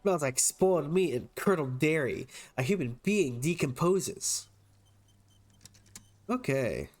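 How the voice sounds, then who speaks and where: A man playing a video game and commenting casually, with a fairly high, animated voice. He is playful and teasing, reading dialogue choices out loud. The sound is dry and close. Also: slow, dry recording, soft background music. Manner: playful, teasing, laughs a lot, reads choices aloud. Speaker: gamer playing through a game.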